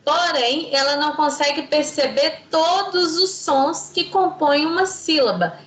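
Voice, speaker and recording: A woman's voice: high voice, measured pace, echoey room, rough recording. A woman teaching an online class, patient and didactic, quizzing her students.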